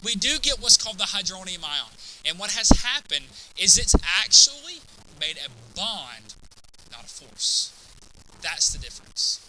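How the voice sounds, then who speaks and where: A man's voice: high voice, sing-song, unhurried, noisy background. A man teaching a chemistry class, lecturing and constantly checking in with students by asking "right?" and "okay?".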